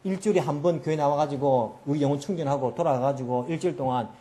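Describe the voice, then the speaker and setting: A man's voice: on the high side, fast talker, warm tone. A man preaching a sermon as pastor, emphatic, with many rhetorical questions and story-telling in a church. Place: church sanctuary.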